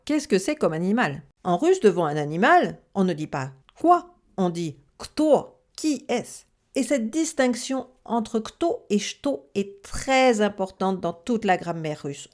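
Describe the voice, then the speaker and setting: Chatty French woman teaching grammar. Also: medium pitch. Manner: lively, chatty, asks and answers her own questions. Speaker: Russian language teacher. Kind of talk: explanatory grammar lesson.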